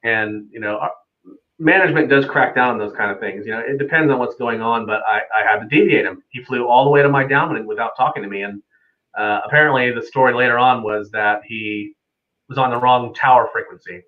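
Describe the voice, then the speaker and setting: An air traffic controller guesting on a live stream explains things casually and easygoingly, unscripted and with anecdotes. His mid-range male voice runs a little fast and sounds phone-quality.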